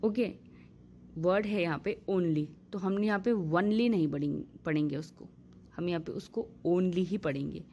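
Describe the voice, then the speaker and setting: Woman teacher, lowish voice, patient and unhurried, spells words out letter by letter. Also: warm tone, slight background noise. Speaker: English teacher. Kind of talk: Hindi-language pronunciation lesson.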